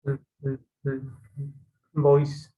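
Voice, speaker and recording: A man's voice: medium pitch, monotone, drawn-out words, warm tone, no room sound, dull audio. A man taking an online English lesson, giving short hesitant answers and repeating sounds after his teacher. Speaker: student.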